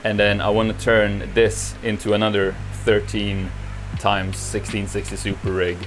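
A man's voice: on the low side, normal speed, soft background music. A young man in his twenties casually talking through his home workshop setup, rambling with lots of filler words. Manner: relaxed, rambling, frequent "like" fillers. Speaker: YouTuber giving a mining farm tour. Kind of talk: casual vlog walkthrough. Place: cluttered home workshop, indoors. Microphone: camera held at arm's length.

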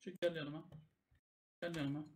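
A man calling the shots in gaming voice chat, barking rapid repeated commands and swearing freely. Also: a little high, little pitch movement, a loud crowd. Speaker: clan war shot caller.

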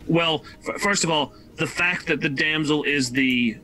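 A man's voice: a little high, measured pace, sharp tone, low-quality recording. A man co-hosting a casual livestream, talking thoughtfully and hesitantly with plenty of fillers. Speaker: co-host.

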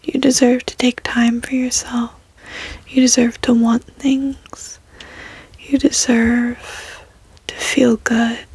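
A young adult woman gives a reassuring ASMR pep talk in a soft, breathy whisper, close to a desk microphone in a bedroom. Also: a little high, no room sound. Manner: slow, reassuring, gentle encouragement. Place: bedroom, indoors.

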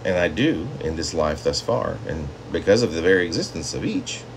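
The recording is rough, with a little hiss or hum, as a man in his fifties speaks to the camera from a small room in his home. His low voice is expressive and moves at a normal speed while he rambles casually and reads his poems, much like a poet sharing his own writing.

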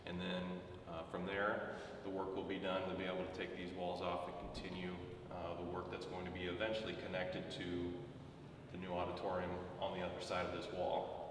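A man in his thirties explaining construction work at a steady pace with many fillers, recorded in a bare, empty classroom. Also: sits low, a little fast. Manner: explanatory, steady, frequent fillers, gestures while talking. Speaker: school administrator. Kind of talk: on-site walkthrough explanation. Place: large empty classroom under construction, indoors. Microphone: camera mic from a distance. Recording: echoey bare room, mic far off, background noise.

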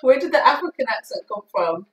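A woman's voice: on the high side, big pitch swings, brisk. A woman hosting a family vlog at home, chatty and teasing as she talks with her family. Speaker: mother and vlog host. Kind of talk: casual family chat. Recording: echoey room with faint noise.

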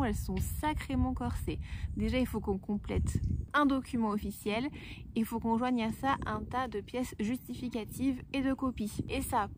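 Woman vlogger, higher voice, talks straight to camera; noisy, echoey low-quality home recording. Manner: chatty, addresses viewers directly. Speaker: family vlogger and parent. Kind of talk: explanatory vlog talk to viewers. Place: nearly empty house that echoes.

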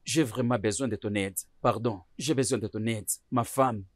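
A man's voice: medium pitch, moderate pace, no room sound, studio quality, close to an everyday voice. An actor dubbing a frantic young husband who pleads with his sobbing wife and keeps repeating soothing words. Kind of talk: dubbed film acting.

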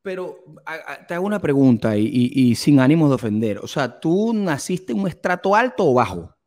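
A man's voice: on the high side, big pitch swings, fairly quick, darkish tone. Teasing man interviewer. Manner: teasing, colloquial, prodding questions. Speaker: host. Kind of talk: casual interview chat.

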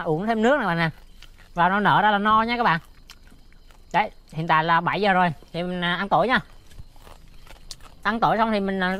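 A man's voice: sits high, fairly bright tone, clear, resonant tone. A young man in a casual vlog, chatting to his viewers from a small tent on a rooftop with lots of fillers. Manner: chatty, keeps addressing viewers, many fillers. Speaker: vlogger.

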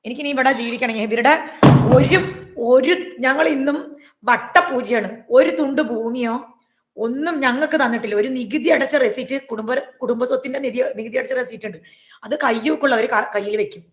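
Fast, emphatic woman vlogger in an echoey room. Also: on the high side. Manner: emphatic, repetitive, aggrieved. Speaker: YouTuber. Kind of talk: personal vlog monologue to viewers.

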